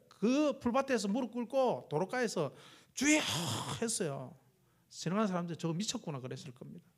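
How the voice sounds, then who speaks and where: Animated high-voiced Korean preacher man. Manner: lively storytelling, acts out his own and God's words. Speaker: missionary preacher. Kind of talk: sermon. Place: church sanctuary.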